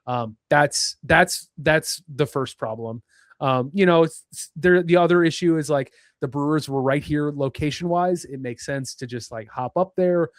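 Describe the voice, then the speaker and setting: A man's voice: on the high side, moderate pace, dry recording, studio quality. A young man co-hosting a sports podcast, ranting in casual chat with lots of fillers. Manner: animated, ranting, many fillers. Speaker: podcast co-host.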